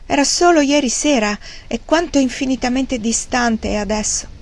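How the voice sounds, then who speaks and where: A woman reading the lines of a wry, grieving old gentleman in an audiobook, with a rambling, self-mocking manner. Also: high-pitched, normal speed, voice pushed up, lightly acted.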